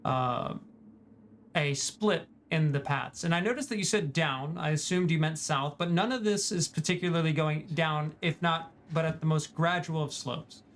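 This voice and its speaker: A man's voice: a little high, normal speed, a bit bright. A man running a tabletop game as game master, describing scenes with frequent restarts and fillers.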